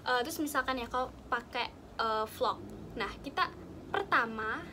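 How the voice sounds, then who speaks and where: A woman's voice: a little high, normal speed, background noise. A young woman casually explaining study tips to a friend, chatty and full of fillers and examples. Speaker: student sharing study tips.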